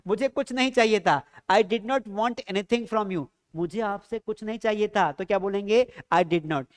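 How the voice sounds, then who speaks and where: A man's voice: sits high, a little slow. A man teaching a spoken English lesson, explaining patiently, asking the viewers questions and drilling pronunciation.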